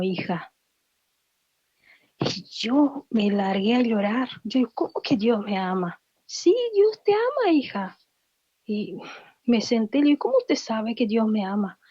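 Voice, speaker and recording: A woman's voice: medium pitch, mellow, husky, no room sound, highs cut off. A woman giving a heartfelt personal faith testimony, acting out the voices of people she quotes. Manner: emotional storytelling, acts out quoted voices.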